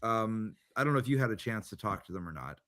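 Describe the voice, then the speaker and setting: A man with a fairly low voice hosts a casual chat about tabletop games. He rambles along and often restarts his sentences, with plenty of ums and uhs. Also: lively intonation, fast talker, a bit bright. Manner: rambling, with many fillers and restarts. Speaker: podcast host.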